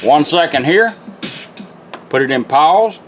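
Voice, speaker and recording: Music from the radio he is demonstrating plays in the background as a middle-aged man shows off a vintage car radio at his indoor workbench. He is a technician with a folksy, plain-spoken, instructional style, speaking slowly and expressively in a fairly high voice.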